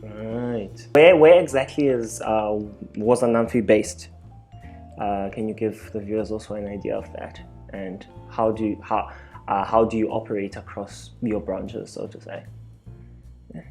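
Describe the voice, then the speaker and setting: A man's voice: lowish voice, fairly even intonation, measured pace, darkish tone, faint music behind. A young man hosts a video call interview, asking eager questions broken up by fillers. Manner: eager, with many fillers and backchannels. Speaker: host, interviewer. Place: small room indoors. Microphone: webcam on a video call.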